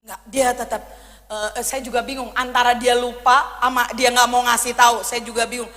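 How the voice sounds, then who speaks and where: A woman in her thirties preaching a sermon, telling a personal story in a lively way and acting out her own pleas. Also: a little high, normal speed. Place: church hall. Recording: long church hall reverb.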